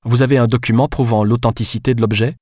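A man's voice: mid-range voice, fairly even intonation, quick pace, darkish tone, no room sound, studio quality, close to an everyday voice. A man voicing a prim, fussy young male pawnbroker who speaks in a polite, businesslike way.

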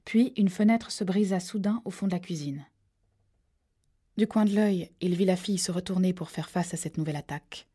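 A woman narrating a thriller audiobook in a steady, measured storytelling voice that drops to hushed tones at tense moments. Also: on the low side, slightly rough.

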